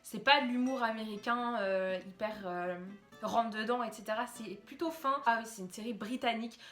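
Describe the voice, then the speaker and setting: A woman's voice: a little high, normal speed, a bit bright, soft background music. A young woman chatting casually to camera as a YouTuber, talking through TV series with many fillers and restarts. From France. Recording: echoey room.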